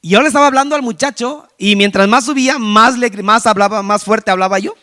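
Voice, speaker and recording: A man's voice: high-pitched, a little fast, sharp tone. A man preaching a sermon, telling a street-evangelism story and acting out the people he met, with frequent restarts. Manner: storytelling, acts out quoted voices, frequent restarts. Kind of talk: sermon testimony.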